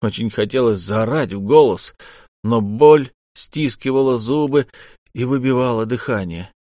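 A man narrating a story as an audiobook reader, steady and measured. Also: mid-range voice, dry recording, studio quality. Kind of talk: scripted narration.

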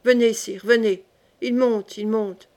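A woman reading the part of a devoted young male gentleman who speaks urgently and pressingly. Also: fairly high pitch, normal speed, close to an everyday voice. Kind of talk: audiobook character reading.

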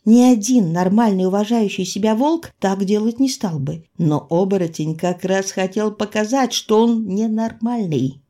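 A woman narrating a fairy tale for an audiobook, with expressive storytelling and dramatic slowdowns. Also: medium pitch.

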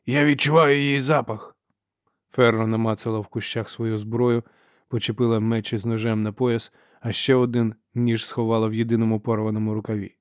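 A man reading a novel aloud as an audiobook narrator, in steady, measured storytelling. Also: fairly low pitch, clean tone, no room sound, clean studio sound. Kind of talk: scripted narration.

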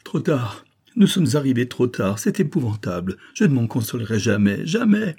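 A man reading aloud voices a flustered, excitable middle-aged detective, exclaiming in a high, strained voice. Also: normal speed, dry recording, studio quality. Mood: despairing. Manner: indignant, exclaiming in high pitch.

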